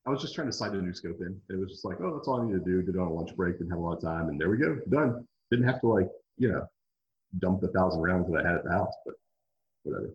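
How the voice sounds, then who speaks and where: A man's voice: low voice, expressive, fast, dull audio. A man co-hosting a casual podcast, sarcastic and swearing, laughing often.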